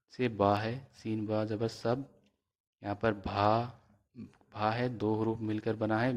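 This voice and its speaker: A man teaching a reading lesson, spelling out letters and vowel marks slowly and then blending them into words. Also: fairly low pitch, muffled recording.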